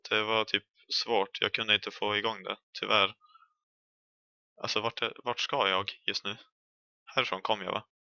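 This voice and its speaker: A man's voice: lowish voice, little pitch movement, creaky, pushed and bright, no room sound, dull audio. A young man with a Swedish accent giving chatty, jokey commentary while playing a horror game, yelping when chased. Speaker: gaming streamer.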